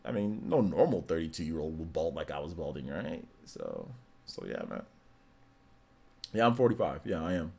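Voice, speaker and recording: A man's voice: very deep voice, very animated, normal speed, gravelly, mellow, husky. A man in his forties hosting a livestream, chatting casually with viewers in a laid-back, rambling, slangy way. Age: 40s. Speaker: streamer host. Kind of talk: casual livestream chat reading viewer messages.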